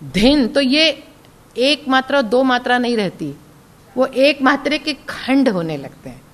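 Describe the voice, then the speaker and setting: A woman who sings classical music, explaining its theory in a slow, explanatory way. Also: high voice, big pitch swings. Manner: slow, explanatory, reciting drum syllables and sung notes. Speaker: classical vocalist and music teacher.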